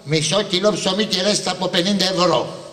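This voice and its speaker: A man's voice: high voice, sharp tone. A man voicing a cheeky, boastful trickster in a live shadow puppet comedy, joking and teasing, recorded from far off in an echoey hall. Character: cunning poor male trickster, cheeky and boastful. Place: live stage performance.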